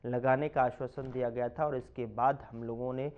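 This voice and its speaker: A man reads regional news in a punchy, emphatic voice-over, leaning hard on key words. His voice sits at an everyday pitch. The audio is a little muffled and lo-fi. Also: steady tone, normal speed. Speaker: news reporter. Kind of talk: scripted news narration.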